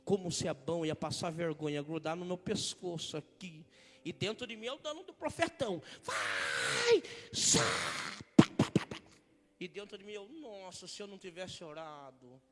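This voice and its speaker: A Brazilian man preaching a fiery sermon, jumping between loud shouts and hushed, joking asides. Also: high-pitched, animated, brisk. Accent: Brazilian Portuguese. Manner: swings from shouting to hushed asides, jokey impressions. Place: church hall. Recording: large church hall reverb.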